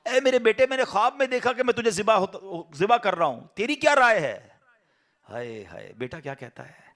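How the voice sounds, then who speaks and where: High-voiced, emotional male preacher. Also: big pitch swings, a bit bright. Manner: emotional, with rhetorical questions and exclamations. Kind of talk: sermon storytelling.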